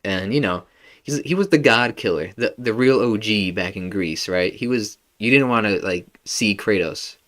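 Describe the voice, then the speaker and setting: A podcast host with a somewhat low male voice chats loosely about a game. He talks in a relaxed, slangy way and fills his sentences with "like" and "bro". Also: normal speed. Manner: laid-back slangy talk full of "like" and "bro". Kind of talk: casual video game discussion.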